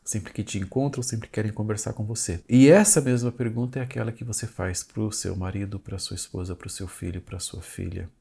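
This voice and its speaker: A man gives a direct-to-camera talk on family communication. His voice is gravelly, husky and dark, and he builds his points from short phrases that repeat and address the viewer directly. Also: fairly low pitch, steady tone, a little fast, hardly any pauses.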